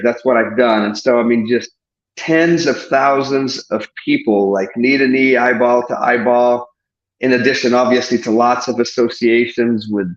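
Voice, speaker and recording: A man's voice: medium pitch, roomy sound, lo-fi sound. A man, talking as a therapist guest in an effusive, expansive way with frequent restarts. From Portugal. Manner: effusive, expansive, self-correcting. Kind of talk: enthusiastic podcast interview.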